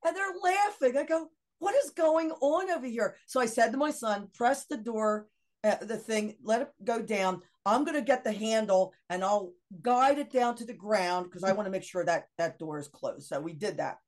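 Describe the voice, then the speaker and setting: Middle-aged woman guest, chatty and animated storyteller, laughing as she acts out her own lines. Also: fairly high pitch, normal speed. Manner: animated anecdote with laughs and quoted dialogue. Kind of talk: casual storytelling.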